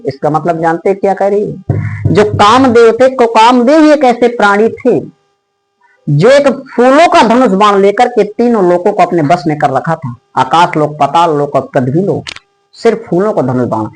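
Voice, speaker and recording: A man with a high voice teaches a Hindi poem to exam students. He explains each line patiently, keeps asking the class questions and keeps saying "ठीक" to check they follow. Now and then he stretches the verses out into a slow, loud chant. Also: lively intonation, faint music behind, low-quality recording. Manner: chants the poem lines slowly and loudly in a sing-song. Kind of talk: exam-prep poetry lesson.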